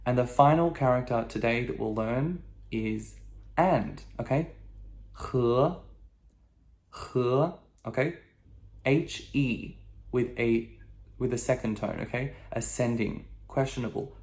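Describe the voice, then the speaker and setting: A man's voice: mid-range voice, unhurried, a little mellow. A man teaching a video language lesson, who repeats each word patiently and checks in with "okay?" after nearly every phrase.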